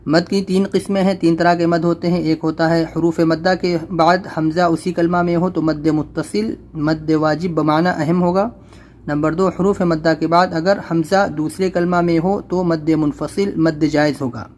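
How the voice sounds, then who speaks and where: A man teaching Quran reading, spelling out each letter and vowel slowly and drawn out, then explaining the rules in quick everyday speech. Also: fairly high pitch, steady tone, darkish tone, slight background noise. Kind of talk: spelled-out recitation lesson.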